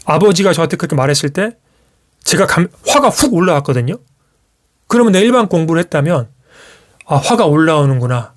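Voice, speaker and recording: A man's voice: fairly high pitch, quick pace. A man streaming live, telling a personal story to his viewers in casual speech with frequent restarts, acting out what others said. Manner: animated storytelling, acts out quoted parents. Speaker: YouTuber.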